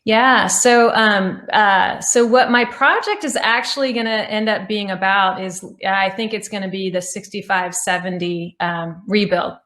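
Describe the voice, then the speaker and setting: A woman's voice: medium pitch, measured pace, few pauses, fairly bright tone. A woman giving an informal, conversational presentation to an online audience, feeling her way through phrases and rephrasing as she goes. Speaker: presenter of an online climate talk. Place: indoor room on an online meeting. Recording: roomy, echoey sound.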